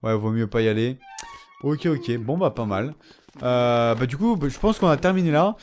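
A young man gives casual commentary over a video game, chatting to the characters and breaking into excited yelps. His voice sits at an ordinary middle pitch. Faint game music plays underneath. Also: moderate pace. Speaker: let's play gamer.

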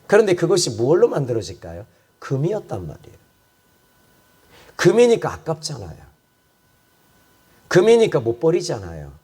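A man's voice: high-pitched, darkish tone. A man preaching a sermon as a pastor, impassioned, often speaking God's pleading words to the congregation.

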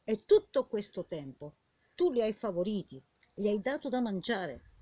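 Older woman, raspy old woman's voice, widely swinging intonation, indignant rhetorical questioning. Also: mid-range voice, very animated, moderate pace, darkish tone, no echo. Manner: indignant, scolding, rhetorical questions and repeated phrases. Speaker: vlogger. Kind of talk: impassioned informal monologue addressed to the viewer. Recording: dull lo-fi sound.

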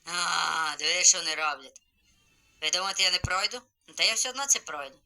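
A man live-streaming a game, chatty and excited, greeting viewers as he plays. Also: high-pitched, brisk, vocal fry, a little hiss or hum, low-quality recording.

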